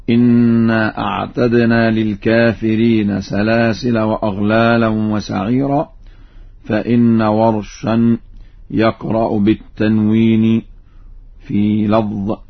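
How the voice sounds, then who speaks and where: A man teaching recitation variants, giving measured spoken explanations and then chanting each example slowly and melodically. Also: fairly low pitch, level tone, narrow, tinny audio.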